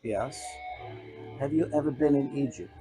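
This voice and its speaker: A man from the Republic, hosting a casual radio interview, friendly, laughing easily, with halting phrasing. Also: mid-range voice, warm tone, soft background music, rough recording. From Czech Republic.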